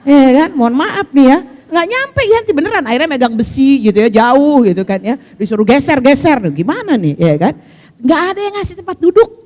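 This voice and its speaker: Older female religious teacher, high-pitched, animated storyteller, hall reverb. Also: fairly quick. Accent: Indonesian. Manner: lively storytelling, acts out quoted voices, laughs often. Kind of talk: religious talk to a women's study group.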